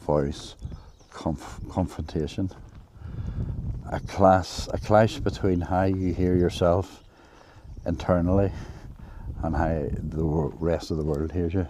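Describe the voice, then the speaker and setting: A male travel vlogger with a warm, low-pitched voice speaks slowly and steadily to a handheld camera as he walks outdoors in nature. His casual vlog is rambling and hesitant, with many restarts, and the audio carries a little hiss or hum.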